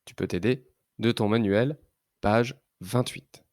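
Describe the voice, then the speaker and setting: Slow, careful male reading teacher. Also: fairly low pitch, darkish tone, no echo, clean studio sound. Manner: slow, careful, drawn-out syllables. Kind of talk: slow reading lesson for young children.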